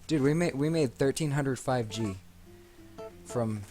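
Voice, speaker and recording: A man with a mellow, mid-range voice offers unhurried, rambling let's play commentary, self-deprecating and often repeating his phrases. His desk mic picks up the room, with game music playing behind him.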